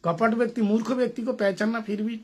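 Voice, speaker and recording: A man with a high voice gives a storytelling sermon to a gathering. He speaks playfully, acts out the characters' lines and keeps putting questions to his listeners. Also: level tone, fast, darkish tone. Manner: playful, acts out dialogue, asks audience questions. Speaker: spiritual teacher.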